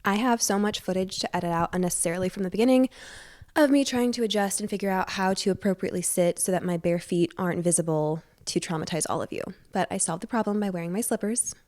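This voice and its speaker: Woman podcast host, mid-pitched, congested nose, bubbly and rambling, chatty delivery with self-deprecating humor. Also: quick pace, darkish tone. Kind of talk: casual chatty solo podcast. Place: living room at home. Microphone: wired podcast microphone.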